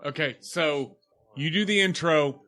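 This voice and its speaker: Male co-host, bright and energetic, casual chat. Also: a little high, a little slow. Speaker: podcast co-host.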